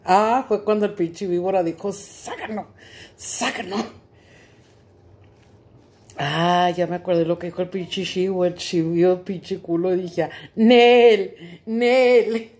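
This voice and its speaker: Talking to her viewers at home, a middle-aged Mexican-accented woman vlogs in a mix of English and Spanish, dropping crude slang and laughing often. Her voice is on the low side and darkish, level in tone, at a moderate pace with hardly any pauses.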